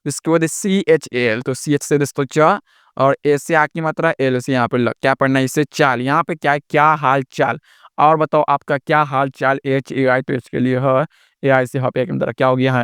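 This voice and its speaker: Friendly teacher spelling words out slowly. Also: male voice, mid-range voice, smooth, no room sound, studio quality. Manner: keeps adding "दोस्तों" and "है ना?" as check-ins. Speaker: English teacher. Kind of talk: spoken lesson on reading and writing English.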